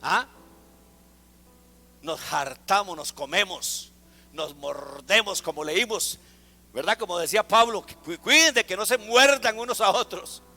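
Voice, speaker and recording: Animated high-voiced pastor. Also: male voice, a little slow, vocal fry, long reverb tail, faint music behind. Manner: animated, calls the congregation to repeat words. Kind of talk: sermon. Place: church.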